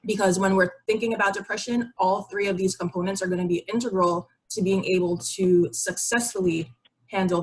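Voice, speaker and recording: Speaking with a lowish, husky voice through poor audio, a young-adult psychiatry resident from Barbados walks her online audience through an informal educational presentation. She explains things conversationally over a video call with shared slides.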